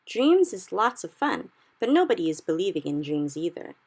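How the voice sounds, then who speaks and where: A woman reading aloud as a big friendly giant, a gentle male creature who muddles his words and drawls along in a slow, lively sing-song. The voice sits a touch low and has a gravelly edge. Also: full character voice. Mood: stubborn. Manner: slow, odd jumbled grammar. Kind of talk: storybook reading.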